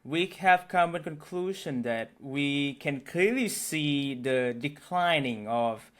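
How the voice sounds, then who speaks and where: A young man from Thailand, a native Thai speaker, talking in a casual interview and pausing to search for words. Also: on the high side, expressive. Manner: hesitant, searching for words with many fillers. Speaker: interview guest. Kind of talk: casual conversation.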